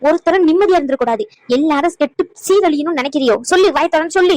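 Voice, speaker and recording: A high, fast-talking grown daughter scolds her mother in a cartoon, voiced by a woman. She fires off rhetorical questions, exasperated and stern. The sound is dry and close. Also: a little mellow, no room sound, close to an everyday voice, rough recording. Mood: scolding. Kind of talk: cartoon voice acting.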